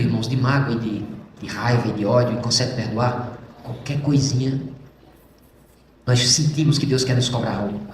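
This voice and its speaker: Man, fervent church testimony, quick talker, booming hall echo. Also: a little hiss or hum. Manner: fervent, addresses the congregation as brothers, swings between loud and hushed. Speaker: church member giving testimony.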